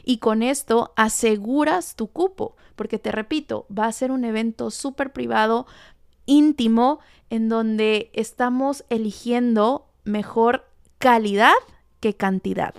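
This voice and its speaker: A woman speaks in a resonant, polished voice that sits a little high. She talks enthusiastically and directly to the listener in a motivational spiritual monologue. The sound is close and dry, with no room around it. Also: measured pace, creaky, clear, resonant tone, dry recording. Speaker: podcast host.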